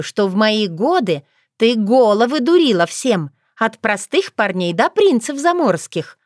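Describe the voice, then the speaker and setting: A woman voicing an earnest young witch girl who exclaims and pleads in a raised, high voice. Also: no echo, clean studio sound.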